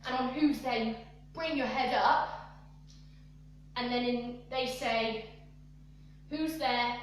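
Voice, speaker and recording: A woman's voice: on the high side, slow pace, distant mic, slight background noise. A young woman leading a live online dance workshop, talking through the moves and counting and singing along to the music. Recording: echoey room, voice away from the mic.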